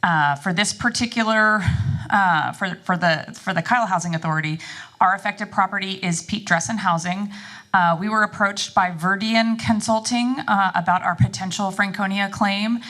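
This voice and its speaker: A woman presenting as an executive director, giving a semi-formal, halting explanatory briefing to a board. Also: mid-range voice, fairly bright tone. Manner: halting, explanatory, frequent ums and repeats.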